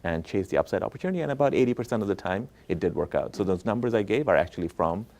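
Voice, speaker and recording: Rapid-fire and animated, a man from Bangladesh, an economist and professor appearing as a guest, explains research conversationally, checking in often with short "right?" and "okay?" tags. His voice is on the low side and a little mellow.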